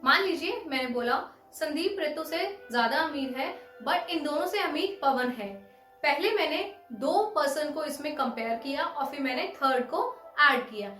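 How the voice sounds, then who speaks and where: A woman teaching English grammar in a lesson, slowly spelling out word forms one by one. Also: sits high, lively intonation, pushed and bright, echoey room, soft background music, rough recording. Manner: slow, deliberate dictation of word forms.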